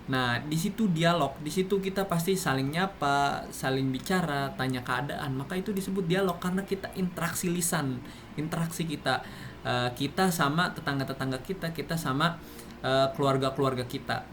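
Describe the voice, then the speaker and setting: A man's voice: a little high, normal speed, fairly bright tone, a little hiss or hum. A man giving a classroom explanation, speaking with many fillers and restarts. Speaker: presenter.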